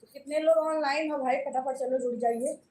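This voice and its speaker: A woman's voice: high-pitched, fairly even intonation, fairly quick, a little mellow. A woman with an Awadhi accent hosting a live stream in a homely, chatty way, repeatedly urging viewers to join. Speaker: live-stream host and folk singer. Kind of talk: casual live-stream chat. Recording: distant mic with faint background noise.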